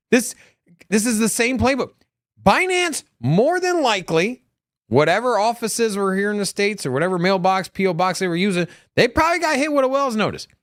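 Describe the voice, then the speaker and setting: This co-host of a crypto news show speaks casually and animatedly on a live stream, rambling with frequent restarts and side remarks. His voice is high-pitched. The recording is dry, with clean studio sound.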